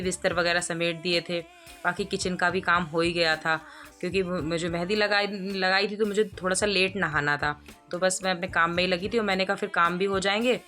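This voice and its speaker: A woman's voice: on the low side, fairly bright tone. A woman, a mother of two, talking through her day in a casual voice-over, chatty and rambling, with many fillers and restarts. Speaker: vlogger.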